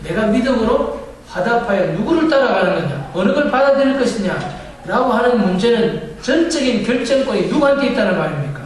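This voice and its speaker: Male pastor, high voice, sermon with call-and-response questions, recorded from far off in a very echoey church hall with faint background noise. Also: lively intonation, a little fast. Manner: asks the congregation questions and answers them himself. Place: church sanctuary.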